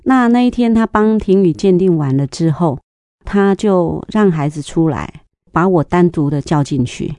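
A middle-aged woman, sharing a church testimony in an interview, telling stories lively and acting out the dialogue. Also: lowish voice, moderate pace, no echo. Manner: lively storyteller, acts out dialogue, laughs often.

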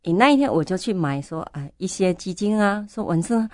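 An older woman, a church elder, tells her story in a testimony interview and fervently repeats her prayers aloud. Her mid-range voice is animated and brisk, captured dry with clean studio sound.

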